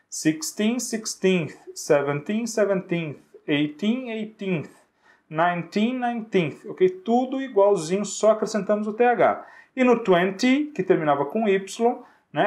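A man's voice: a little high, darkish tone. Patient man teaching English words. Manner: patient, repeats words slowly and checks with "ok?". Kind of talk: classroom-style lesson.

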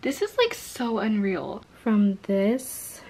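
Medium in pitch and darkish in tone, this teenage girl's voice is very animated yet slow. Filming a casual day-in-the-life vlog in her bedroom and kitchen, she talks chattily and often whispers, the handheld camera close to her face.

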